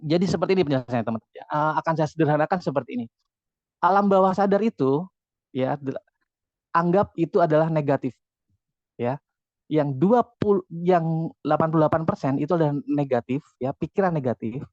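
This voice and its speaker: Energetic man giving a motivational talk. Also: on the high side, a little fast, no echo. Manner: energetic, repetitive, keeps addressing the audience. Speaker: motivational speaker. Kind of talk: motivational talk to an online audience. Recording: dull, dry lo-fi audio.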